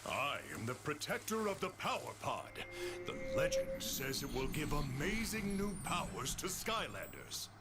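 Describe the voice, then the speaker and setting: A man's voice: a little high, very animated, a little slow. An actor voicing a big, dopey, boastful strongman in a video game, with a cartoonish bellow. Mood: proud, sheepish. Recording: loud game music behind the voice. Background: loud game music.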